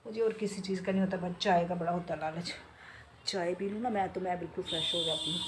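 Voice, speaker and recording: A woman in her forties vlogging casually from home in a chatty, relaxed way, talking straight to viewers, her throat a bit sore from a cold. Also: lowish voice, quick pace, heavy background noise. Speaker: beauty salon owner and vlogger. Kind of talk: casual home vlog chat. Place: home, indoors.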